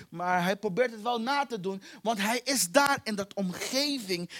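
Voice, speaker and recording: Man preaching, high-pitched, impassioned and repetitive, dynamic volume. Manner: impassioned, repetitive, swings between soft and loud. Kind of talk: sermon.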